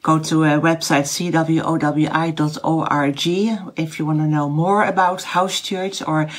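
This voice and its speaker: Her deep voice stays steady and a little slow as this middle-aged Dutch house church teacher gives an informal Bible lesson online. She speaks English with a Dutch accent and frequently pauses to find words, with fillers and restarted phrases.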